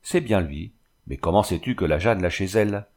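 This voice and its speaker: A man's voice: low voice, moderate pace, a little mellow. A man voicing a curious, eager provincial wife of a notary in a storybook reading.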